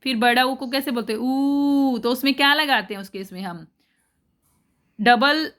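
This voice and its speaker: A woman teaching a grammar lesson, explaining each rule step by step, repeating it and checking that her students follow, and reading the English rules slowly. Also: fairly high pitch, a bit bright. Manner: mixes in English phrases, reads English rules slowly.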